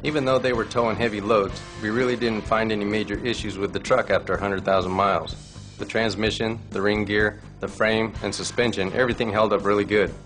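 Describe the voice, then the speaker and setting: Low-voiced man explaining technical findings. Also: steady tone, brisk, a bit bright, soft background music. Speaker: engineer.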